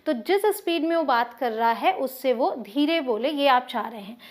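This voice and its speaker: A woman teaching spoken English, mixing English phrases into her explanations and reading each example sentence slowly and deliberately. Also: high voice, animated.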